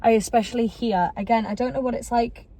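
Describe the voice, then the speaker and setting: A woman's voice: a little high, fairly even intonation, dark tone. A woman, co-hosting a podcast in rambling, self-interrupting casual chat. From Yorkshire, England. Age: 20s. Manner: rambling, self-interrupting, quick to laugh along. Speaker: podcast co-host.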